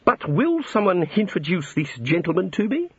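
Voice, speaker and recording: A man plays a starchy, haughty female housekeeper from a comic storybook. She speaks with genteel precision and a sharp edge, her pitch lively, on a slightly dulled recording. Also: measured pace, gravelly, slightly rough, no room sound, dull audio, full character voice. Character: prim, haughty, sharp-tongued woman housekeeper.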